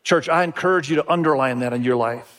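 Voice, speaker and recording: A man's voice: mid-range voice, fast talker, fairly bright tone. A middle-aged man who grew up in Indonesia, preaching a sermon to his church in an earnest way, often repeating phrases and calling out to the congregation. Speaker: pastor.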